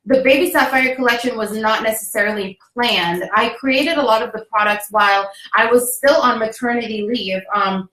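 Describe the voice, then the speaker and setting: A woman's voice: a little high, moderate pace, hardly any pauses, fairly bright tone. Upbeat chatty woman in an echoey room. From Jamaica. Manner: upbeat, chatty, laughs often. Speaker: host. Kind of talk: casual livestream chat.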